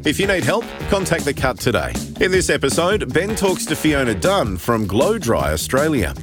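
A man's voice: fairly high pitch, big pitch swings, moderate pace. A man reading a scripted promotional podcast introduction as the announcer. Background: music.

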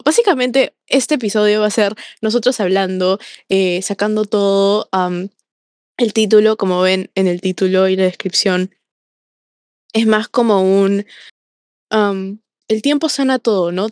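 A woman co-hosting a casual podcast, talking with many pauses and fillers and slipping into English phrases. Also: mid-range voice, no echo, studio quality. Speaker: podcast co-host.

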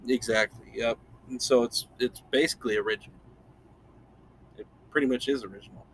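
A male podcast host talking casually at a middle pitch, laid-back and rambling. He chuckles often. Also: fairly even intonation, fairly quick, a bit bright, a little hiss or hum. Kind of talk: casual chat.

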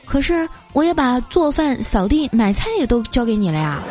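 A woman voicing a sharp-tongued, bossy wife who talks coolly and sarcastically. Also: fairly high pitch, sing-song, brisk, music in the background. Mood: sarcastic. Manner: sarcastic, cool.

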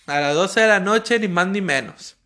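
A man's voice: sits high, moderate pace, pushed and bright. A man with a Mexican accent playing a strict father who lays down a curfew. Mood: stern. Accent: Mexican Spanish. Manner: stern, laying down the law.

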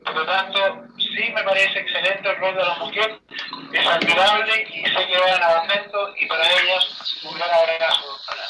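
A man's voice: high-pitched, steady tone, normal speed, noisy background. Guy calling in by phone, sounds far off and echoey, polite formal talk with some ums. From Chile. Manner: formal and courteous, with hesitant fillers. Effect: heard over a phone line. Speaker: radio listener calling in. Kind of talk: call-in comment on a radio show. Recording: roomy, distant phone call.

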